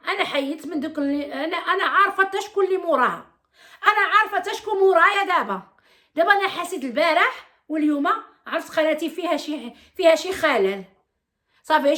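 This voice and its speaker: A woman's voice: very high voice, bright, forceful tone. A woman with a Moroccan accent, a YouTuber ranting indignantly at her viewers and firing repeated rhetorical questions. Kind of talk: angry vlog rant to viewers.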